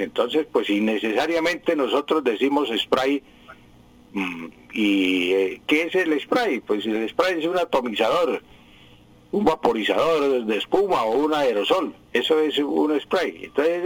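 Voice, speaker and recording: Husky radio language expert. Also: male voice, medium pitch, dry recording, rough recording. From Colombia. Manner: patient, repeats key points, hesitant fillers. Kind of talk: explaining word usage on a radio program.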